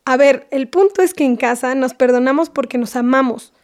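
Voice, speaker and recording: A woman's voice: high-pitched, moderate pace, darkish tone, natural voice. A woman playing a scolding but loving mother with a Mexican accent, lecturing her daughter in a comedy sketch. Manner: scolding, lecturing, half-whispered.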